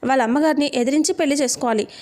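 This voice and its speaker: A woman's voice: high voice, very fast, darkish tone, lightly acted. A woman playing a probing, firm elder sister. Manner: probing, scolding questions.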